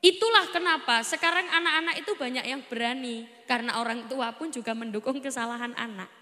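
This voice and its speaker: A woman delivers a lively sermon, bantering and joking with her listeners. Her voice is high and bright. The sound rings with the long echo of a big hall. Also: fairly quick. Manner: playful, teasing the crowd, acting out a crying child. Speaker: preacher. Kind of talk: lively sermon to a live audience.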